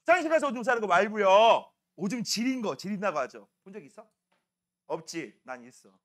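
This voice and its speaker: A middle-aged man teaching a science class, telling animated stories and throwing in chatty rhetorical questions. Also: high voice, a little fast. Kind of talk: classroom lecture.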